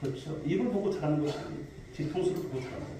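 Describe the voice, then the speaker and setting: A male pastor delivers a sermon, fairly high in pitch, with a mellow, warm tone. He asks the congregation questions and tells stories. The recording is very echoey and sounds distant, like a mic far back in a big church sanctuary. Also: very fast, vocal fry, slight background noise. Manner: preaching to a congregation, posing questions and telling stories. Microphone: distant mic in a reverberant hall.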